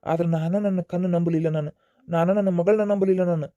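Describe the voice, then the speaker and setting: Cartoon dad, voiced by a man: high, dark, North Karnataka accent, fussy and emotional. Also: steady tone, brisk, no echo, highs cut off, lightly acted. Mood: scolding. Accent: North Karnataka Kannada. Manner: scolding, emotional, repeats himself. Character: aging father of a grown daughter, stern then remorseful. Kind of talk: cartoon voice acting.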